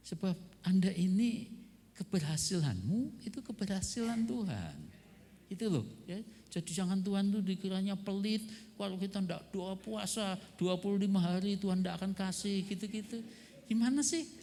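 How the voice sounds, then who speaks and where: A man's voice: high voice, expressive, normal speed, dark tone, in a large hall. A male pastor preaching a conversational sermon at a church seminar, full of rhetorical questions.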